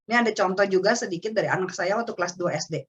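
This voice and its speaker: A woman with a husky voice gives an earnest parenting talk, speaking straight to the parents. The sound is dull and lo-fi, as on a video call. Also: lowish voice, very fast. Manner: earnest, addresses parents directly. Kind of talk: webinar talk.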